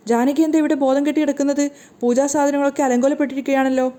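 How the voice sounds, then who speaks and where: A woman's voice: high-pitched, flat delivery, fast, mellow, close to an everyday voice. A woman voicing a worried elderly grandmother asking anxious questions.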